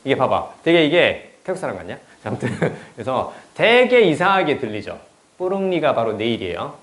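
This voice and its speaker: A man teaching English in a casual lecture sounds very animated, with a medium pitch and normal speed. He chats bluntly, peppers his talk with swearing, and checks with students by asking "right?", while the room gives a noticeable echo.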